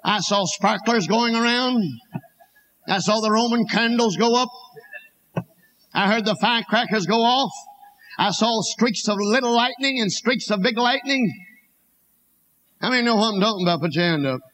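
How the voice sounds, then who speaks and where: A man's voice: sits high, normal speed, pauses often, a bit bright, poor audio. A man with an Appalachian accent preaching a personal testimony, telling it as a folksy, dramatic story and acting out the dialogue. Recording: noticeable background noise.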